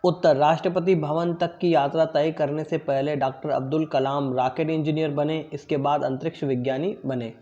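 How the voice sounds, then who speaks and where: Man teaching, repeating answers slowly. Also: fairly high pitch, flat delivery, dark tone, dull audio. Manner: explains slowly, repeats answers, often says "theek hai"; drills pronunciation, word then pause for pupils. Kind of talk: online class lesson.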